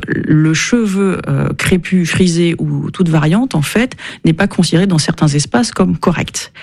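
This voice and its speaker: A woman's voice: low-pitched, creaky, a little mellow, slightly rough. A woman speaking as an expert guest in a radio interview, thoughtful and hesitant, with many fillers.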